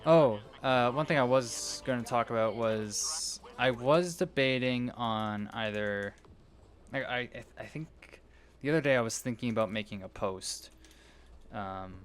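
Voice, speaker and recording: A man's voice: lowish voice, smooth. Rambling young man narrating gameplay. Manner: rambling, meandering, self-interrupting. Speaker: gaming video creator. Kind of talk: casual gameplay commentary.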